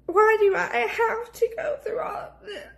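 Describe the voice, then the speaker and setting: A woman's voice: extremely high pitch, measured pace, vocal fry, fairly bright tone. A woman in her thirties crying with a snotty, tearful voice as she talks in an emotional personal vlog. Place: small plain indoor room. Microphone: phone at arm's length.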